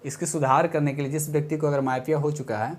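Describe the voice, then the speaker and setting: A man with a slightly high, fairly even voice talks quickly through a casual exam-prep science lesson. He speaks informally, repeats and corrects himself, and keeps checking in with rhetorical questions.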